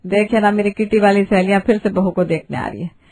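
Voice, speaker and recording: A woman's voice: mid-range voice, brisk, darkish tone, lightly acted. A woman voicing a fussy middle-aged mother-in-law in a cartoon, grumbling and fretting. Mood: fretful. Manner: grumbling, fretful.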